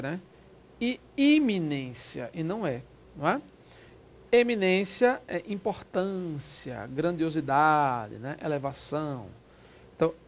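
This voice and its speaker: A man teaching a Portuguese exam prep lesson in a lively, quick, informal way, often checking that the class follows. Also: fairly high pitch.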